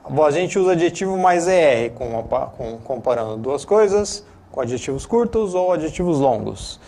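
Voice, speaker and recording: The man sounds a little high yet dark-toned, with lively intonation and a moderate pace. Teaching English on a studio lesson broadcast in a Brazilian Portuguese accent, he explains chattily, repeats filler tags, and keeps correcting himself.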